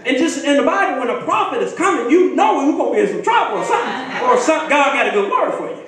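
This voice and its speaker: A man preaching in a church, telling folksy stories with laughter and rising shouts. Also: very high-pitched, sing-song, fast talker. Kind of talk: storytelling sermon. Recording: echoey hall from far, crowd.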